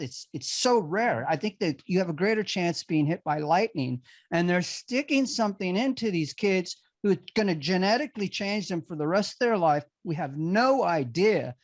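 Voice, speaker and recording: A man hosts a podcast interview, speaking in a casual, conversational way that is earnest and emphatic and builds to indignation. His voice is high, and the recording is dry.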